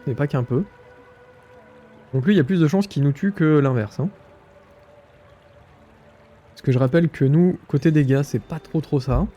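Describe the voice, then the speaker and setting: A man's voice: on the high side, normal speed, pauses often, mellow, dull audio, soft background music. A man with a stuffy nose, thinking aloud with many fillers as he comments on his gameplay. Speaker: gaming streamer.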